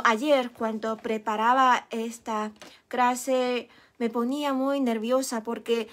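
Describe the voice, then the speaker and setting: Young woman, first language chinese, patient mandarin teacher, encouraging, slightly high voice, takes her time. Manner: slow, patient, encouraging, demonstrates sounds. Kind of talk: live online language lesson.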